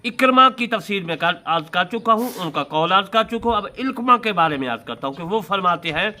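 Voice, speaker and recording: A man preaching a religious lecture, explaining word meanings with emphatic, drawn-out words and repeated points. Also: high-pitched, lively intonation, sharp tone. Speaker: Islamic preacher explaining scripture commentary. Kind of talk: sermon-style religious lecture.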